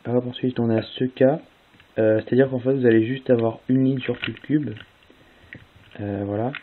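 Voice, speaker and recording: A man's voice: mid-range voice, fairly even intonation, moderate pace. A young man casually explaining a puzzle-solving method step by step, with fillers along the way. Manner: casual, spells out move sequences step by step with fillers. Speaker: speedcubing tutorial host. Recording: tinny lo-fi phone-like audio with faint hiss.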